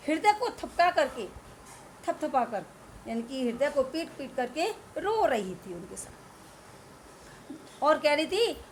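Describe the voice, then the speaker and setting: A woman teacher speaks in a high voice and takes her time. She recites lines of verse slowly, then explains them phrase by phrase for her class. A faint hiss sits under the recording. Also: rough recording. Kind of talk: Hindi literature lesson explaining a poem.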